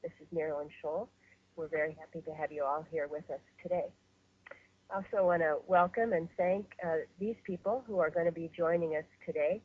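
A woman hosting and facilitating a webinar call, speaking in a measured way with many fillers and restarts. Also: sits low, breathy edge. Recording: muffled phone-line webinar audio.

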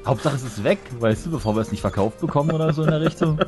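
A man's voice: fairly high pitch, very fast. A man, chatting casually and teasingly while playing a game with friends. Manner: joking, teasing, rambling. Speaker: let's play gamer. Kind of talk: casual gaming banter. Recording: voice chat with faint background music.

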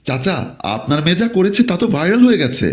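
A man's voice: high-pitched, big pitch swings, fast talker, pitched above the performer's own voice. A man playing a taunting young village man.

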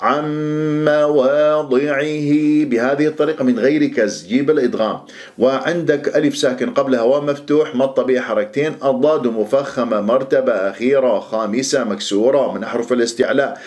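A man gives a Quran recitation lesson at a medium pitch. He explains each rule in an everyday teaching voice, then slows right down to recite phrases with careful precision. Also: a little mellow.

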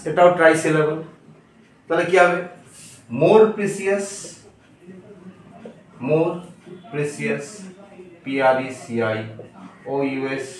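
A man teaching English grammar in a slow lesson, repeating words and spelling them out letter by letter. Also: fairly high pitch, slight background noise. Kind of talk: slow classroom-style lesson. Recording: very echoey room, distant mic.

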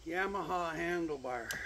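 A man's voice: fairly high pitch, takes it slowly, vocal fry. A middle-aged man vlogging at an outdoor campsite, muttering and cursing at himself while he works on gear. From Canada. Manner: self-mocking, mutters and swears to himself while working. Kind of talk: casual solo vlog talk. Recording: noisy outdoor camera audio.

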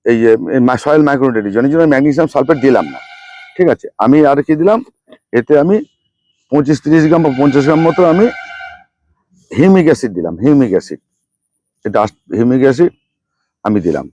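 Speaking in a mid-range, mellow voice, a middle-aged male gardening host walks through a fertilizer mix on his rooftop channel, stating and restating each ingredient and amount. He is very animated and fast but pauses often, and the lo-fi recording has no echo.

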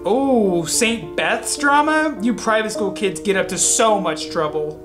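A wisecracking, protective teenage boy, read aloud by a man who teases his friend. He is read out slowly, in chat-message style. Loud plucked guitar music runs under the voice. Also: sits high, expressive. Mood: joking. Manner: teasing, wisecracking delivery. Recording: music playing loudly behind.

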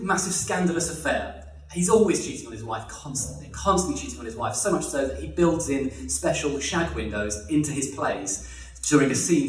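Animated man telling comic stories. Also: medium pitch. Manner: animated, laughing often, acting out quoted voices. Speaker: podcast guest telling history anecdotes. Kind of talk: comic storytelling. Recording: roomy sound from a distance.

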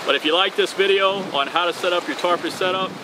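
This man in his thirties talks fast in a high-pitched voice while hosting a fishing tutorial on a bridge over open water. Upbeat and casual, he ties knots as he goes, and the outdoor audio is full of wind and water noise.

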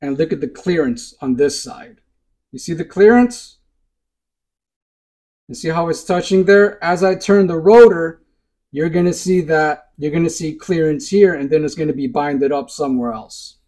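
A man's voice: a little high, moderate pace, mellow, poor audio. A man hosting a hobby video, demonstrating a part up close and insistently repeating short pointers to look and see. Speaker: RC hobby channel host. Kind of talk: hands-on demonstration to camera. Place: indoors at a workbench.

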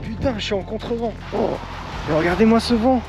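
A young man filming himself at arm's length on a windswept snowy cape, excitedly talking to his viewers about the place. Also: sits high, brisk. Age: young adult. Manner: excitable, shouting over the wind, talks to viewers as "les gars". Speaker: travel vlogger. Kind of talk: excited travel vlog to camera. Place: windswept snowy cape outdoors, then inside a van at night. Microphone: handheld camera at arm's length. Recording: loud wind noise on the mic. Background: strong wind.

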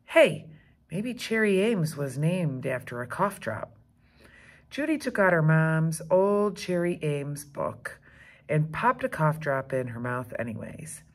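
A woman reading a children's chapter book aloud as a teacher, expressive and engaging. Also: low voice. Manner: expressive, slow and animated.

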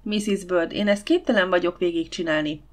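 A woman's voice: fairly low pitch, natural voice. A woman voicing a reserved, flustered young lady in an audiobook, speaking hesitantly. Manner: hesitant and reluctant.

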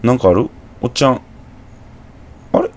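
In horror game let's play commentary, a young man with a Kansai accent chats, mutters to himself and exclaims at jump scares. His mid-range voice is expressive and moves at a normal speed.

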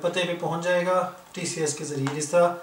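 A shop seller and video host with a Pakistani accent gives an informal, explanatory product demonstration in an indoor room with goods spread on the floor. His voice is a little high, steady in tone, and brisk, captured by a distant mic in a roomy space with faint noise.

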